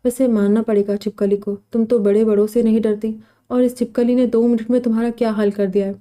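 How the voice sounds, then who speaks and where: Teasing young doctor cousin, read by a woman, dark-toned, flat. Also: on the high side, lightly acted. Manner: teasing and sulky.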